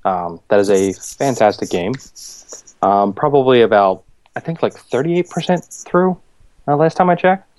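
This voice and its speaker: A man's voice: medium pitch, expressive, moderate pace, darkish tone. A man co-hosting a casual gaming podcast over a video call, talking in an easygoing, rambling way with lots of fillers. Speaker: podcast co-host.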